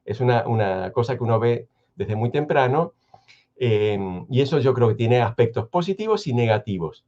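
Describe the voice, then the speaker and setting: A man with an Argentine Spanish accent talks in a thoughtful radio conversation. His voice sits at a middle pitch and comes through slightly dull, lo-fi audio. He speaks in a measured, hesitant way and often restarts his sentences. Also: animated, darkish tone. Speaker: guest historian.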